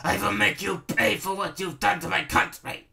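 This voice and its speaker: A man's voice: sits high, lively intonation, slow pace, creaky, pushed and bright, distant mic, voice pushed up, full character voice. A man voicing a sneering, petulant villainous baron in a storybook, ranting and blustering.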